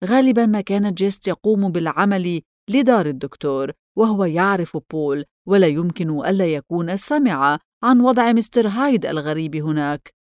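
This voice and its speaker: Low-voiced woman narrating an audiobook. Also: lively intonation, fairly quick, a little mellow, dry recording, clean studio sound. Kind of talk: scripted narration.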